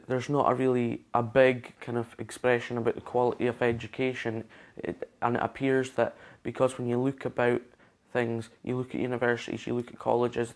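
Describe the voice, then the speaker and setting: A teenage young man giving a casual interview answer. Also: mid-range voice. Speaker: vox pop interviewee.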